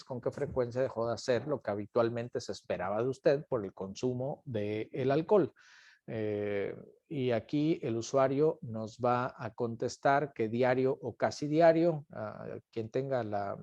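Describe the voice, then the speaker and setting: A man's voice: mid-range voice, mellow, dry recording. A man teaching an online class, patiently repeating each question and calling on students by name. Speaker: instructor.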